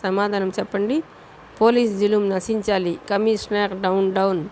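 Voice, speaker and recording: A woman narrator voicing two loud, defiant petty male thugs protesting their arrest. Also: medium pitch, steady tone, moderate pace, a little hiss or hum, natural voice.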